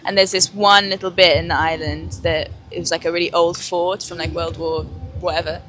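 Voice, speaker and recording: A young woman from Malta, a sailor guest, chatting casually in a blunt, swearing way with quick laughs. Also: fairly low pitch, flat delivery, noisy background. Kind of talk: casual chat.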